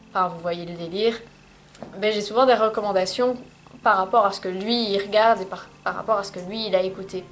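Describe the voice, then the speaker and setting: A woman's voice: mid-range voice, a little hiss or hum. A young woman, chatting casually in a recommendations vlog, hesitant, with many fillers and restarts. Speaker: vlogger. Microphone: camcorder microphone.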